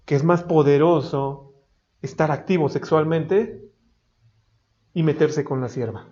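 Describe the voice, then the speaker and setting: Male pastor, fervent sermon delivery, high voice, muffled audio. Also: a little slow. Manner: emphatic, rising to loud high-pitched exhortation. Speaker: preacher. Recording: dull lo-fi recording.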